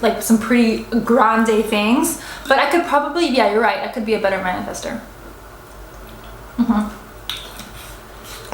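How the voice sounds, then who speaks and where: A little hiss or hum and plenty of reverb mark this rough recording of a young American woman in her twenties. Her voice is fairly high as she rambles through a casual restaurant mukbang, taking on viewer assumptions with many fillers and restarts.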